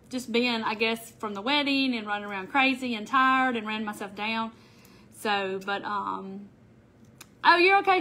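This middle-aged craft show host has a high-sitting, fairly bright voice, with slight background noise in the recording. A summer cold has left her stuffy and nasal as she runs a casual livestream in her indoor craft room, chatting and greeting viewers by name. The camera sits on the table in front of her.

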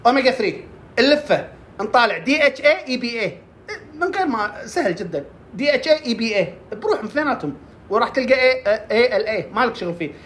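Woman, fast talker, fairly high voice, health tips, asks and answers herself, faint background hum. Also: very animated, fairly bright tone. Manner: quick, asks and answers her own questions. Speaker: herbal health presenter. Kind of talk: casual health tips talk.

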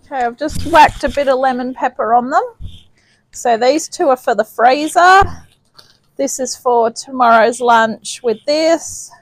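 A high-voiced woman speaks a little slowly in a rough recording with no room sound. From New Zealand, she hosts a home cooking video, chatting in her kitchen and thinking aloud through each step. Her audio comes from a camera mic off to the side.

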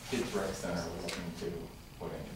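A man making a halting public comment to a city council, full of fillers and restarts. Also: low voice, steady tone. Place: large council chamber with tall windows. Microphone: room mic from far off. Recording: echoey chamber recorded from far off with noise.

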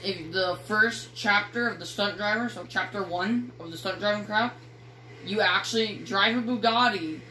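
A woman's voice: mid-range voice, normal speed, pushed and bright. Rambling girl filming her game. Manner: rambling, teasing, swears casually. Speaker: gaming video creator. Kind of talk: casual gameplay commentary. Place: dark room at home. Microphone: phone filming a screen. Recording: echoey room with faint noise.

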